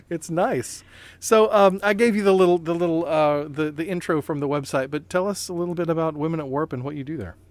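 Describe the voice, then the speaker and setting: A man's voice: fairly high pitch, normal speed, dry recording. A man hosting a podcast in a casual chatty way, full of fillers, restarts and playful asides. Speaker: podcast host.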